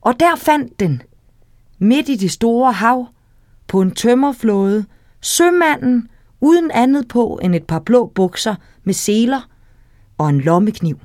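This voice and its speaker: A woman reads a children's tale aloud in a slightly high voice, lively and speaking to the listener. The sound is close and dry, with no room around it. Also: no echo. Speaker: storyteller. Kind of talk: reading a children's story aloud.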